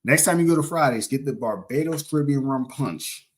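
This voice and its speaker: A man's voice: mid-range voice, lively intonation, fairly quick. A young man casually chatting on a livestream, rambling and joking as he corrects himself mid-sentence. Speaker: livestream host.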